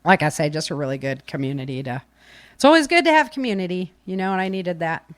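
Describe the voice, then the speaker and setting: Her voice is on the low side and fast, with big swings in pitch, as this podcast host rambles casually to live listeners with plenty of fillers. There is no room sound, and she uses a webcam stream setup with the microphone set back from the keyboard.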